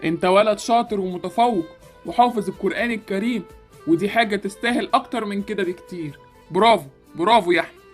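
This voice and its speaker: Woman as a rapid-fire Egyptian male school principal. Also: mid-range voice, soft background music, close to an everyday voice. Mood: proud, congratulatory. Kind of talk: amateur game-animation story acting.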